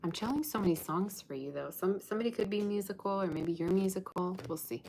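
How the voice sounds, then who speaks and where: Quick and gravelly, with a darkish tone at medium pitch, a Russian woman reads tarot on a livestream over a slight hiss or hum. She teases and chats, reads viewer comments, and sings fragments of old songs.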